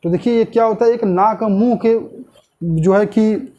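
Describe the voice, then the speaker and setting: A man teaching a grammar lesson online, posing questions to the class and answering them himself, repeating key terms slowly. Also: sits high, dark tone, muffled recording.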